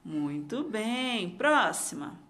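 A woman's voice: mid-range voice, very animated, very slow, a bit bright. A Brazilian woman giving a lesson to young children as their teacher, posing questions and answering them. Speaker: primary school teacher.

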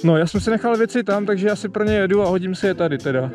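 A man vlogging outdoors on an industrial lot, chatting casually in slangy speech about riding. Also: high-pitched. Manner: slangy, relaxed, laughs often. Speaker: motovlogger. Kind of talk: casual motovlog chat. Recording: loud music laid over voice.

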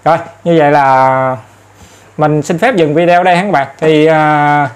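A man's voice: on the high side, fairly even intonation, moderate pace, smooth. A man giving a casual step-by-step phone tutorial, chatty and full of fillers, speaking straight to his viewers. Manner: chatty, repeats filler words, addresses viewers often. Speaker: tutorial host. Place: in front of an ATM for part.

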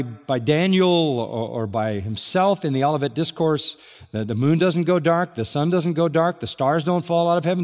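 A darkish, high-leaning voice belongs to an older pastor giving an expository sermon; he reads scripture out earnestly and underscores important points. The sound echoes with the long reverb of a large hall.

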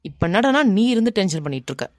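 A woman voicing a brash, bossy but softhearted young man in a cartoon, muttering to himself and scolding, with a Kanyakumari Tamil accent. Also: medium pitch, very animated, quick pace, noisy background, close to an everyday voice. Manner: mutters to himself, scolds then turns gentle. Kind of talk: animated cartoon dialogue.

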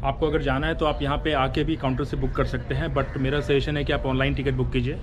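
A man's voice: mid-range voice, little pitch movement, fast talker. A man in his forties, a travel vlogger, explaining a ferry trip step by step, filmed outdoors on a camera held at arm's length. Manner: explains step by step, mixes in English phrases. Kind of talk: casual travel vlog narration. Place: outdoor ferry terminal and car deck.

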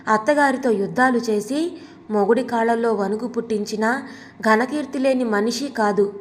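A woman narrating a story in a calm, steady reading voice. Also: fairly high pitch. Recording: long hall reverb.

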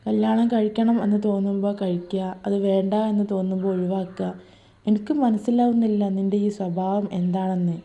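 A woman's voice: medium pitch, steady tone, a little fast, dark tone, dull audio, lightly acted. A woman playing a stern, reproachful mother. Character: stern mother scolding grown son.

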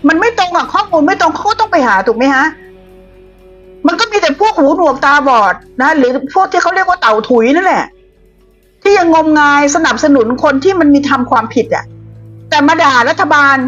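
A woman's voice: very high voice, expressive, fairly quick, a bit bright. A woman giving a blunt, combative political commentary monologue, scolding her opponents. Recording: dull lo-fi audio with faint music.

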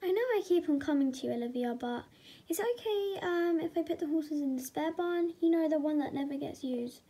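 A woman voicing an excitable, chatty young rider in a toy horse movie. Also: sits high, fairly quick, lightly acted. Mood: eager. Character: eager young horse-owning rider girl.

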